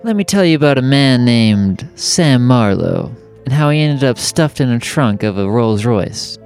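A man's voice: mid-range voice, very animated, a little slow, a little mellow. Man, tabletop role-player, musing, very varied intonation, music behind. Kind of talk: in-character improvised role-play. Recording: background music under the voice.

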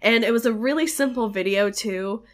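Nasal and congested from a cold, a podcast co-host chats casually and keeps things frank and playful. Her voice sits a little high, her pace is moderate, and she uses a home recording mic.

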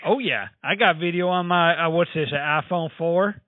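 A man's voice: on the high side, normal speed, dry recording, natural voice. A man playing a rambling, oblivious trucker in a prank phone call, heard over a dry, tinny phone line. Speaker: prank caller.

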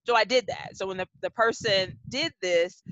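Woman with a bright, dull-toned podcast voice. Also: mid-range voice, expressive, no room sound. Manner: measured, reflective, often slows to stress points. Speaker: podcast guest, educator. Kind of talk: conversational interview storytelling. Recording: dull, dry lo-fi podcast audio.

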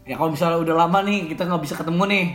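A man's voice: on the high side, very fast, a bit bright, reverberant, soft background music. A young man, co-hosting a podcast in rowdy, joking banter and swearing often. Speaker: podcast co-host. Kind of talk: casual banter.

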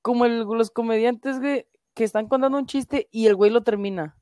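A woman's voice: a little high, a little fast, mellow, no room sound. A young woman with a Mexican accent, chatting casually on a stream, full of slang and swearing. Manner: slangy, swears a lot, peppers speech with filler words. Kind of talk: casual profane stream chat.

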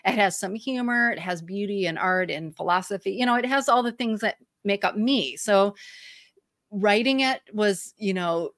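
A woman's voice: medium pitch, normal speed, fairly bright tone, dry recording, studio quality. A woman with a twangy American Midwestern accent speaks casually and expressively as an interview guest. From Michigan, US. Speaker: guest, author.

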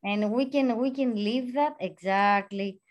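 A woman from Greece interviewing in casual conversation, with halting, repetitive non-native phrasing. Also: on the high side.

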